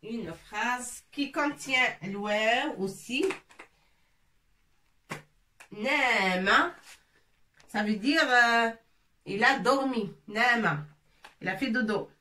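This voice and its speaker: A woman teaching letters in French, slowly repeating each syllable for the learners. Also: fairly high pitch, bright, forceful tone, recorded from a distance. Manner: repeats sounds slowly and drills syllables one by one. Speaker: Arabic teacher. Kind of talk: slow, patient letter-by-letter pronunciation lesson. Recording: echoey room, voice a bit off-mic, faint noise.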